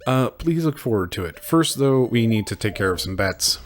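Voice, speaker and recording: A man hosting a casual video game playthrough, commenting in a halting, wry way. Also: lowish voice, lively intonation. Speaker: gamer, host. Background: game music.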